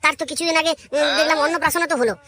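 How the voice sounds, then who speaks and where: A woman's voice: high-pitched, very fast, bright, forceful tone. A woman voicing a chatty older village man who likes to drink, in a cartoon. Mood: curious. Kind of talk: cartoon voice acting.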